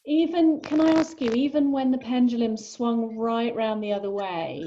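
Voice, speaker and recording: A woman therapist gently asking her client guiding questions during a session. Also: on the high side, normal speed, lo-fi sound, slight background noise.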